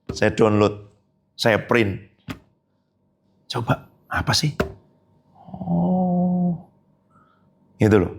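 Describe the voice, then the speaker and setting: A male pastor giving a sermon in an animated, conversational way, with many tag phrases. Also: high-pitched.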